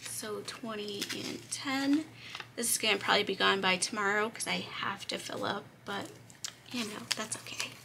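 A woman's voice: medium pitch, moderate pace, gravelly, noisy background. A young woman with a slightly cracking voice chats casually as she counts cash aloud for a budgeting vlog. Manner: chatty, counts bills aloud, light laughs. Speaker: budgeting vlogger.

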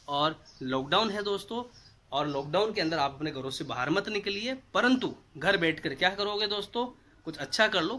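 Male physics tutor, thirties, bright voice, quizzes class then answers himself. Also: sits high. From India. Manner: animated, asks rhetorical questions and answers them. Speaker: physics teacher. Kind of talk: whiteboard lesson. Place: indoors at a whiteboard.

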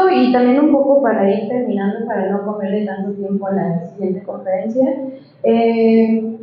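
A woman's voice: on the high side, a little hiss or hum. Woman speaking in an echoey hall. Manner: measured, explanatory, engaged. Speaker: author presenting her book. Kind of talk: book presentation talk. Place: large hall with a stage. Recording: echoey hall, muffled sound.

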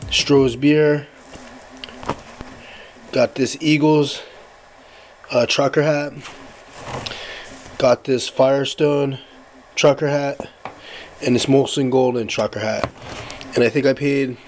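A man's voice: medium pitch, slow, pauses often, low-quality recording. A man with an everyday mid-range voice talks through his flea market haul in a loose, rambling vlog style, stopping for fillers and correcting himself as he goes. He films the items up close on a home camera mic, and a faint hiss sits under his voice. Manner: relaxed, rambling, many fillers and self-corrections. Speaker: flea market reseller showing finds.

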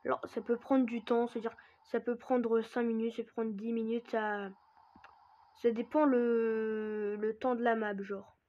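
A woman's voice: a little high, level tone, a little slow, mellow. A woman giving a casual gameplay tutorial, hesitant with many fillers and frequent swearing. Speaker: gaming YouTuber. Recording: dull lo-fi recording.

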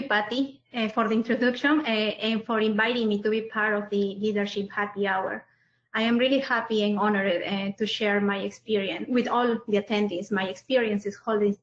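A panelist from Peru introduces herself on a webinar, hesitant and full of fillers, her voice flat and medium-pitched at a moderate pace. Captured through a video call, the audio is muffled and sounds like a roomy space.

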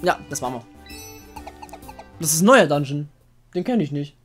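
A woman's voice: sits low, expressive, normal speed. A woman let's player reading game text aloud and commenting casually. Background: video game music.

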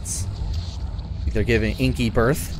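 A man's voice: medium pitch, level tone, unhurried, background noise. A man streaming a horror game with casual, joking commentary, reacting aloud like a scared, jumpy gamer. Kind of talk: casual live playthrough commentary. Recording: loud game music behind the voice. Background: horror game audio and music.

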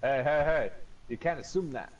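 A man's voice: a little high, normal speed, lo-fi sound. A man chatting casually alongside someone playing a video game. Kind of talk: casual chat during gameplay.

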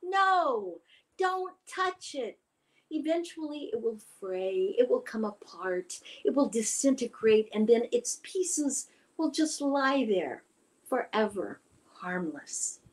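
A vain mermaid sea cow lectures the small sea creatures with lofty scorn, as a woman puts her on. Her speech is slow and drawn out, and she sounds proud of herself. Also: on the high side, animated, poor audio. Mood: scornful.

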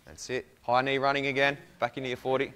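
A man's voice: medium pitch, little pitch movement, fast talker, sharp tone, smooth. A young Australian man working as a fitness coach, calling out short instructions and encouraging praise as he leads a home workout. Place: indoor room with hard floor and whiteboard.

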